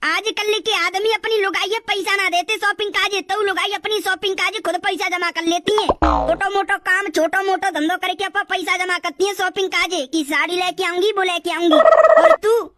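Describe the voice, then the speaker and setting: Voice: very high-pitched, fairly even intonation, normal speed. A voice actor playing a bossy police inspector in a cartoon, lecturing and giving orders. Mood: scolding. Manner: scolding, ordering. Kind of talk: cartoon voice acting. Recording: loud music under the voice.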